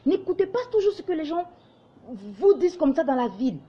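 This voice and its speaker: Sing-song and a little fast, a high-sitting female voice comes through with lo-fi sound. She is a young online commentator from Ivory Coast with a light Ivorian French accent, lecturing passionately to camera, exhorting, and mimicking others in quoted asides.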